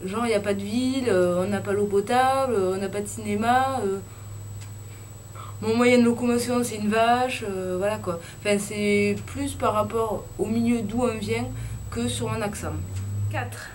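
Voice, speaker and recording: A young woman with a southwest French accent from Lot-et-Garonne, chatting casually and frankly to her camera with lots of filler pauses. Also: mid-range voice, a little mellow, slight background noise. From Lot-et-Garonne, southwest France. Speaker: YouTuber. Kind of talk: casual chat vlog.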